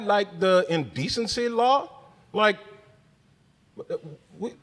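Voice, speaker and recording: High-voiced ranting stand-up comedian. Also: male voice, big-room sound. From Spokane area resident since 2001. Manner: profane, ranting, mocks locals in shouted voices. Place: comedy club.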